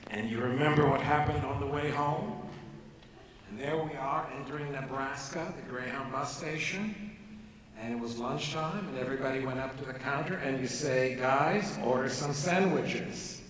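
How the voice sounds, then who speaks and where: A man's voice: mid-range voice, normal speed, fairly bright tone. A man in his seventies telling a wry story at a reunion, lingering on the punchlines. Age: 70s. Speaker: alumnus giving a tribute. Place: large hall with an audience. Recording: echoey hall from far off, crowd.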